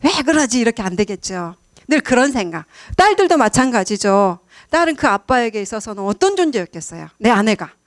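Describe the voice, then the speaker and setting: A woman's voice: medium pitch, very animated, a little fast, dry recording. Korean woman preacher, dry close sound. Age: middle-aged. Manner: warm storytelling with frequent laughs and questions to the audience. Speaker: church speaker. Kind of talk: special sermon to a congregation.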